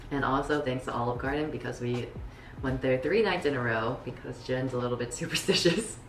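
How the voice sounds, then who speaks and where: Young woman vlogger, low voice, slow easy pace, echoey room, light noise. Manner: relaxed, laughs often between words. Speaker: vlogger and beach volleyball player. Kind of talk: casual vlog chat.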